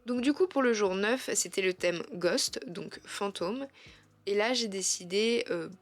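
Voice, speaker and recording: A woman talks through her own drawings in a relaxed vlog voice-over. She is chatty and halting, often pausing on fillers and restarting her sentences. She speaks with frank self-criticism about her work. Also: mid-range voice, soft background music. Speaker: art vlogger.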